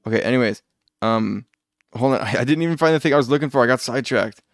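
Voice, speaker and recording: A man's voice: medium pitch, fast, dry recording, studio quality. A man streaming a video game live, chatting casually and rambling, often muttering asides and correcting himself. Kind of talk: casual live gameplay chat.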